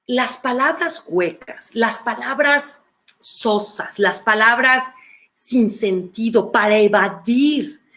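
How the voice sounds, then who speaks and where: A middle-aged woman with a Mexican accent talks through emotions in a conversational, teaching way. Her voice sits fairly high, and she keeps restarting phrases as she goes. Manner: animated, acts out quoted voices, frequent restarts. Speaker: speaker on emotions. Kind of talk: conversational educational talk.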